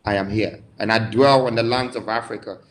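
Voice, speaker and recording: A man from Ghana, a guest in a live online interview, speaking in grand, declamatory phrases with dramatic pauses. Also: lowish voice, steady tone, slight background noise, rough recording.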